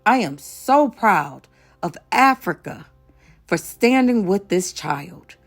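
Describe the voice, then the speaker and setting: Woman from the US, impassioned commentary, repeats lines for emphasis, slow steady pace, mid-pitched voice, faint background music. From United States. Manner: emphatic, outraged, repeats phrases for stress. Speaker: online show host.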